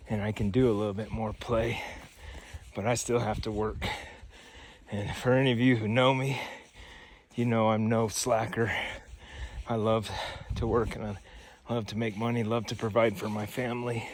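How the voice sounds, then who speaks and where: A man talking casually to the camera while hiking outdoors, out of breath and halting from the climb. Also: lowish voice. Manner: winded from hiking uphill, halting delivery. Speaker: vlogger sharing his cancer story. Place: outdoors on hilly trails.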